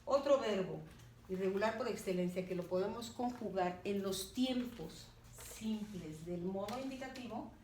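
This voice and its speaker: A woman teacher gives a grammar lesson, talking slowly and deliberately and checking in with her students as she goes. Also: medium pitch, darkish tone. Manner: slow and deliberate, checking in with "¿de acuerdo?". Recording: roomy, distant, faint background noise.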